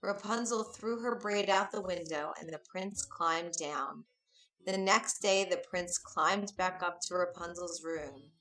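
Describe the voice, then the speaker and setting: A woman narrating a fairy tale for English learners, reading slowly, clearly and expressively. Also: on the low side, fairly bright tone, soft background music, poor audio.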